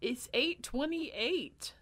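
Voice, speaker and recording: A woman's voice: high voice, expressive, very slow, fairly bright tone, voice pushed up, heavily acted. A woman doing a stammering nervous boy. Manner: shaky, stammering. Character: nervous boy ghost-hunter trying to act brave. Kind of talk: reading a storybook aloud.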